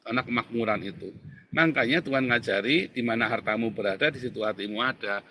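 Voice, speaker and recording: Animated middle-aged pastor with a tinge. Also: male voice, medium pitch, fast talker, slight background noise. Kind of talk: testimony and preaching in a Bible Q&A.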